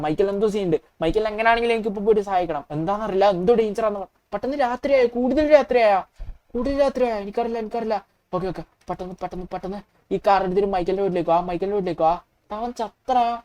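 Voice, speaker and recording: Franklin, an excitable young guy, voiced by a woman. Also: mid-range voice, close to an everyday voice. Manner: repeats short phrases over and over, excitable. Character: young adult man, jumpy and impulsive. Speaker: game video narrator voicing the player character. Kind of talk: casual game role-play commentary.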